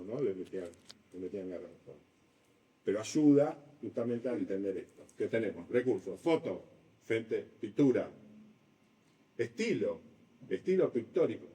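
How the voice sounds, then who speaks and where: A man giving a university design lecture in a classroom, lively and acting out his examples. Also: on the low side, recorded from a distance, low-quality recording. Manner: animated, acts out examples with shifting voice. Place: lecture room.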